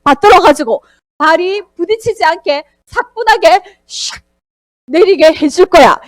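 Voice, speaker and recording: A sly, taunting Satan, played by a woman coaxes with wheedling questions in a Bible story for children. The voice sits high and swoops widely. The sound is dry and close. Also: lively intonation, a little slow, no room sound. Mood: coaxing.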